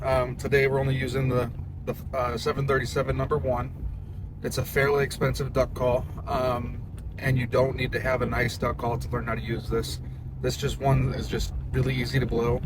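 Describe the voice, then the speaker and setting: This young man, a hobby duck caller, gives a casual, plain-spoken tutorial in an informal way, like a hobbyist teaching a skill. His voice is medium-pitched and level, at a moderate pace. Car and ambient noise make the recording noisy.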